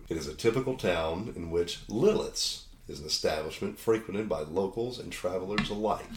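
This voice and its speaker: A man narrating a tabletop game as game master, a wry storyteller who tosses in jokey asides. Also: low-pitched. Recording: echoey room with faint noise.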